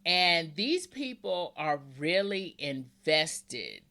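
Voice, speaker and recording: A woman's voice: on the low side, sing-song, drawn-out words, bright, forceful tone. A woman hosting a book podcast, chatting casually with a guest, rambling a little and laughing often. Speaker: podcast host. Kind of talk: casual interview chat.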